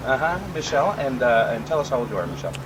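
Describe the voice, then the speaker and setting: A man's voice: mid-range voice, sing-song, racing, background noise. A man interviewing people on the street, asking casual questions with many fillers and upbeat replies.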